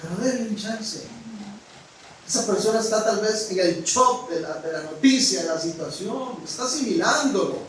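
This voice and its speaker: A man with a high, ringing voice preaches a sermon to his congregation, speaking frankly and directly. He swings between loud exclamations and near whispers. The sound is very echoey and comes from a distance in a church hall, with a faint hiss underneath. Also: expressive, moderate pace. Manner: preaching with rising exclamations and sudden drops to a hush. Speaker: pastor.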